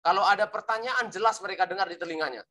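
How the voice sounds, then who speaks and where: A man's voice: high voice, fast, sharp tone. A man teaching how to preach, speaking emphatically and demonstrating rising and falling intonation with playful teasing asides. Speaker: preaching instructor. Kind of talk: teaching lesson on sermon delivery.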